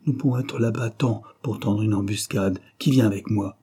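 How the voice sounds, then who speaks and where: A man voicing a rash young husband in a storybook, urgent and raised. His voice is husky and dark. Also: fairly low pitch, fairly even intonation, normal speed. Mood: resolute. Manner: urgent, shouting.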